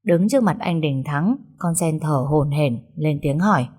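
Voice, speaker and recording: A woman reading a romance story aloud as narrator, in a lively, expressive way. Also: deep voice, moderate pace, breathy edge. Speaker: audiobook narrator.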